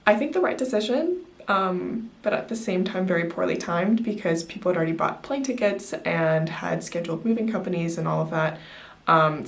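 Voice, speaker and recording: A young woman with a slightly low-pitched voice speaks as a student vlogger. She explains things casually to camera, in loose, informal sentences that wander a little and are dotted with fillers. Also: vocal fry. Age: early 20s. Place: small music practice room, indoors.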